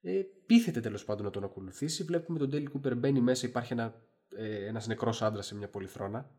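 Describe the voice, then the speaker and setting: A man's voice: mid-range voice, warm tone. A man co-hosting a casual discussion podcast, retelling a story animatedly, with frequent fillers and restarts. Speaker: podcast co-host.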